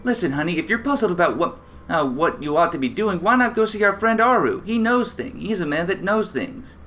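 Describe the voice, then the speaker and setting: A man's voice: high voice, animated, fairly quick, bright, forceful tone. A man doing a sassy motherly barkeep woman. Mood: warm teasing. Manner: calls everyone honey, drawling.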